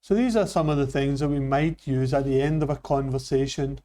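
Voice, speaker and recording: A man from Scotland with a Scottish accent, teaching an English lesson with slow, careful delivery. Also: medium pitch, warm tone. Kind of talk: classroom lesson.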